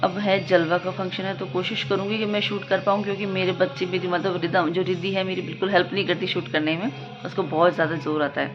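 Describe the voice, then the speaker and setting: A woman's voice: fairly low pitch, flat delivery, fast, over music. A woman vlogging at home in a chatty, rambling, self-mocking way, talking to a handheld phone camera. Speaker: family vlogger. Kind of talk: casual home vlog chat. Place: family home indoors. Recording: slightly muffled phone audio.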